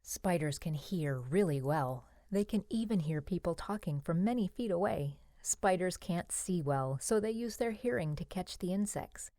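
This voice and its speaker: This woman reads an educational children's book at normal speed with few pauses, animated and warm in a fairly low register. She phrases things simply and clearly. The audio is totally dry, with no room around it.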